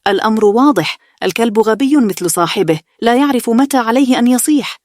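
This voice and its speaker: A woman's voice: on the low side, a little fast, no room sound, studio quality, close to an everyday voice. A woman reading the part of a sarcastic older brother, a young man, in a bedtime story. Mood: jeering. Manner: sarcastic, jeering.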